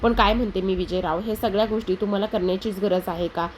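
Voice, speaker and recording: A woman's voice: mid-range voice, fairly even intonation, fast, a little hiss or hum, natural voice. A woman reading out a fretful mother-in-law. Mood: pleading. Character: anxious middle-aged mother-in-law, fretful.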